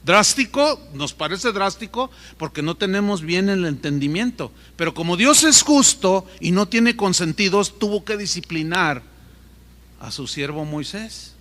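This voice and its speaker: A middle-aged male pastor preaches in a high, bright voice, spinning a story with lively asides. His words ring through a hall with long reverb. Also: unhurried. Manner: animated storytelling, asides to the congregation. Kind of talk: sermon.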